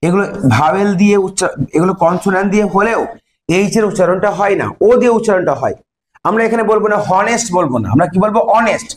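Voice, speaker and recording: A man teaches English to young pupils. He asks questions, answers them himself, and reads English sentences slowly before translating them. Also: high voice. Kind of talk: classroom lesson in Bengali.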